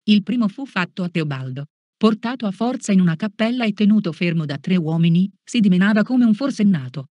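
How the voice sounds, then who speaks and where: A catechist reading a religious lesson aloud in a slow, measured, solemn way. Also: mid-range voice, expressive, mellow, dry recording, muffled recording.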